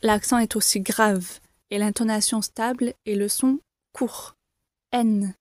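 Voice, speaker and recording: Woman, language teacher, very slow deliberate delivery, dry close sound. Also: mid-range voice, fairly even intonation, no echo. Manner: patient, reassuring, repeats each letter clearly. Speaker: French teacher. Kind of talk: slow, careful pronunciation lesson.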